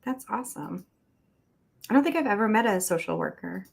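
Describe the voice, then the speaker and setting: A woman in her thirties hosting a casual chat, chatty and expressive, laughing often. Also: mid-range voice, brisk, creaky, breathy edge. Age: 30s. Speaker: host. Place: home room with neon light.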